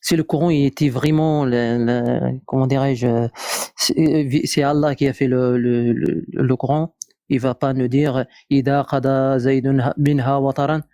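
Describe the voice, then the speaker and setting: Male, Moroccan accent in French, soft dark tone, dry close sound, searches for words in casual debate. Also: mid-range voice, steady tone, no echo. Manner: halting, searching for words, repeats himself. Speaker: live discussion participant.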